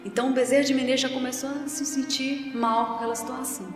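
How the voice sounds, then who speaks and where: A woman with a fairly high voice giving a public spiritist lecture, telling a story and bringing its characters to life. She is heard from a distance in a reverberant hall, with faint music underneath. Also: flat delivery, fast talker. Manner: storytelling, acts out quoted voices.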